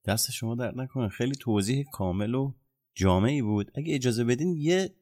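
A man's voice: mid-range voice, lively intonation, darkish tone, no echo, studio quality. A man hosting an interview, politely thanking his guest and asking a follow-up question. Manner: polite, brief affirmations. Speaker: interviewer host.

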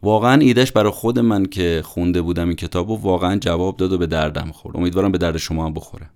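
Low gravelly man narrating a book summary. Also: a little mellow. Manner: conversational, chatty retelling with colloquial asides. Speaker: podcast host summarizing a book.

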